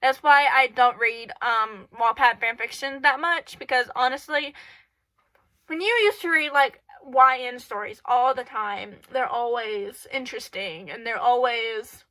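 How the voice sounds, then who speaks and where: Her voice is on the high side, bright and forceful, with fairly even intonation and a slightly slow pace. She is hosting her own channel and rambling through casual advice full of fillers, stuffy from a cold. A bedroom camera records her, and the audio is poor.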